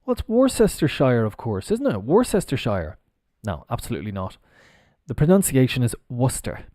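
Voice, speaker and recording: A man's voice: mid-range voice, wildly swooping pitch, fast, dark tone, no room sound, clean studio sound. A man teaching English pronunciation on a live stream, spelling words out letter by letter and chatting casually as he goes.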